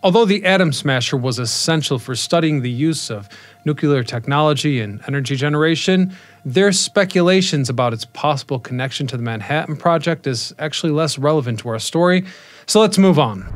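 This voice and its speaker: A man in his thirties, a history channel host, delivers scripted documentary narration in a measured, explanatory way. He's recorded on a boom mic in a dark studio with a neon sign, with no echo.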